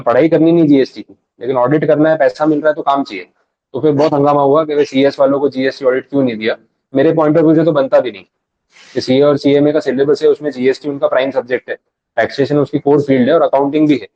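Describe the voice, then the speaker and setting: Man, rapid conversational lecturing, dry muffled sound. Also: fairly high pitch, steady tone, dark tone, no echo. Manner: fast, conversational, acts out little dialogues. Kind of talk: live exam revision lecture.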